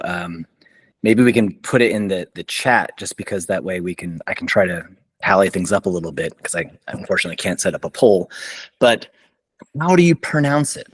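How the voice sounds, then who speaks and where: A fairly low-voiced man runs an online meeting over a video call, chatting in an upbeat way. He trips over his words and restarts often, keeping things loose and friendly. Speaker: journal club moderator. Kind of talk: casual online meeting chat.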